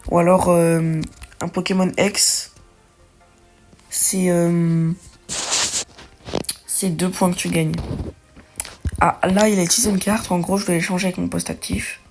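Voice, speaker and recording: A young woman with a fairly low voice talks through a card game in casual commentary. She thinks aloud, uses slang and corrects herself often, with faint music playing underneath. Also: little pitch movement, measured pace, pauses often, darkish tone. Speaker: gaming video creator. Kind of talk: casual let's-play commentary.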